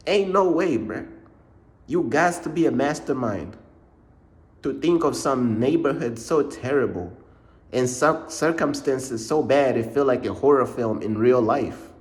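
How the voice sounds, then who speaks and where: Slow-talking slangy young man from Uganda. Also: medium pitch, animated. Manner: slangy, rambling, repeats "bruh" and "bro". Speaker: faith vlogger. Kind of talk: casual storytime vlog.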